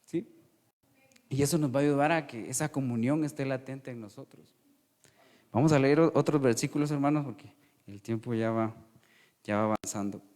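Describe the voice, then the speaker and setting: A man with a Guatemalan Spanish accent preaching a sermon, calling his listeners "hermano" and moving between loud emphasis and hushed asides. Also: medium pitch, normal speed, long pauses, in a large hall.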